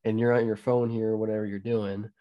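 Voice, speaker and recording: Chatty low-voiced male co-host. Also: level tone, quick pace, dull audio. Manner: chatty, hedging, full of "you know" and restarts. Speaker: podcast co-host. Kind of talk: casual storytelling.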